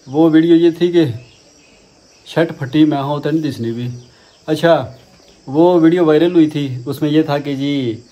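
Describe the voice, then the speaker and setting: A man's voice: on the high side, warm tone. A man talks casually for his vlog while working outdoors on farmland, rambling and leaning on the same filler phrases. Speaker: vlogger. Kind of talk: casual vlog chat while doing garden work.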